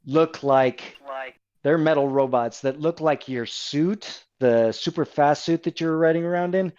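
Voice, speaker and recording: A man's voice: a little high, a little slow, a little mellow, smooth, muffled recording. A man narrating as game master of a tabletop game, describing scenes with fillers and self-corrections.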